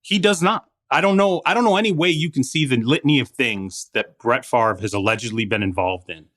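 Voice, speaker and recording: A man hosting opinionated sports talk, speaking emphatically and rhetorically, with deliberate stress on key words. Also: mid-range voice, fairly bright tone. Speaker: talk show host.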